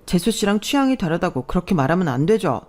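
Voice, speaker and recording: A woman's voice: on the low side, sing-song, quick pace. A woman voicing a husband who firmly and politely rebukes his sister-in-law in a read-aloud story. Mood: reproachful. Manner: firm, reproachful.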